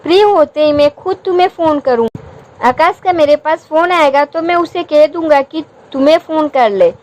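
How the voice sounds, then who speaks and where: A woman voicing a gentle father-in-law who reassures his daughter-in-law in a storybook reading. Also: sits high, normal speed, lo-fi sound, close to an everyday voice. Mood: reassuring.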